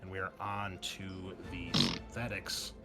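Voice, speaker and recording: A man with a deep, creaky voice and a level tone narrates at a measured pace as the game master of a tabletop roleplaying game. The show host's delivery is casual, descriptive and wry, with music playing behind him.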